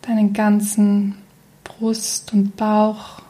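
This is a guided meditation led by a woman of medium pitch. Her delivery is soft, breathy and close to a whisper, soothing and calm, broken by long pauses.

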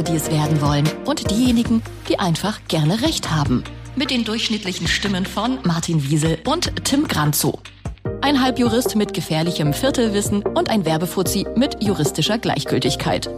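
A woman reading a scripted, playful show intro in a slow, emphatic way. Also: medium pitch, animated. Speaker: intro announcer. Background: loud music.

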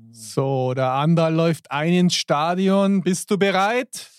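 A man's voice: on the high side, a little hiss or hum. A man joking and teasing his friends while they play a football video game. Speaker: player. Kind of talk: casual game banter.

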